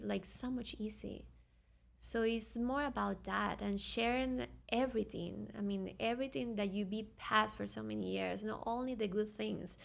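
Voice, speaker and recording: A woman's voice: medium pitch, creaky. A woman from Venezuela with a Venezuelan Spanish accent, a podcast guest speaking earnestly and searching for words in English. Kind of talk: reflective conversational interview.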